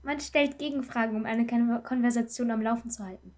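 A woman co-hosting a podcast in casual chat, talking in an animated, rambling way and laughing often. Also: a little high, fairly quick. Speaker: podcast co-host.

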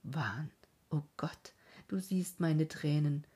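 A woman reading a story aloud as a whispered role-play, in a slow, mournful way. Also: deep voice, warm tone, slightly rough. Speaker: reader.

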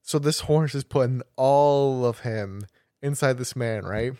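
A man's voice: medium pitch, a little slow, warm tone, no room sound, clean studio sound. Rambling young man telling a story. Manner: rambling storyteller, many restarts and laughing fits. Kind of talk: casual chat.

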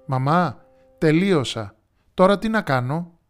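Eager small boy in a storybook, raised and excitable; a man acts it out. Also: on the high side, faint music behind, pitched above the performer's own voice, close to an everyday voice. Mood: excited. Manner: bright, eager, excited shouting. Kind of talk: storybook character voice.

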